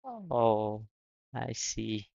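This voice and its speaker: A young man from Pakistan hosting a casual live stream, talking haltingly and often repeating his words. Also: medium pitch, sing-song, vocal fry, a little mellow, no room sound, lo-fi sound. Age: young adult. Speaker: livestream host.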